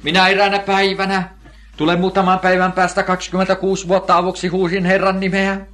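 A man's voice: sits high, monotone, fairly bright tone. An older man preaching a sermon, emphatic, asking questions and answering them himself, repeating key phrases.

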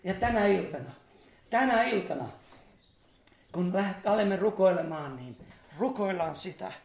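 This preacher's voice is high-pitched, animated and somewhat dark in tone, echoing with reverb through a church meeting hall. He gives a fervent charismatic sermon, bursting into hallelujahs and laughing between lines.

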